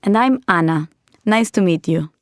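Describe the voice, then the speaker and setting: A woman's voice: on the low side, expressive, normal speed, no echo, clean studio sound, natural voice. An actress playing a helpful, upbeat young woman in a scripted textbook dialogue. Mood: cheerful.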